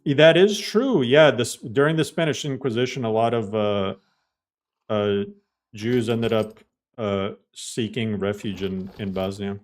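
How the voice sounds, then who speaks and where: Soft music plays behind a man whose voice is fairly low and pace a little slow. While playing a game on stream, he walks viewers through each step in loose, casual chat packed with "like" fillers.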